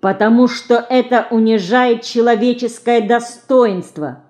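A woman reader voicing a fiery, quick-tempered little girl who shouts in shrill, indignant outbursts. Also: animated.

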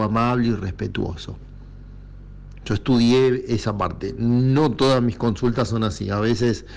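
A man's voice: on the low side, vocal fry, a little mellow. A man with an Argentine Rioplatense accent hosting a casual reflective monologue, speaking encouragingly straight to his listeners. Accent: Argentine Rioplatense Spanish.

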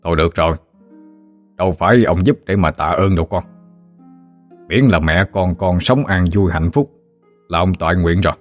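A man's voice: low-pitched, moderate pace, long pauses, faint music behind. A man doing a kindly old ghost grandfather. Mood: gentle.

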